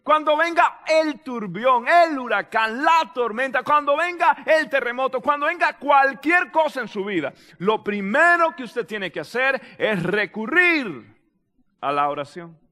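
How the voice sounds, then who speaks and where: A man preaching a sermon as pastor, animated and dramatic, acting out prayers and raising his voice to a shout. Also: very high voice, unhurried, long reverb tail.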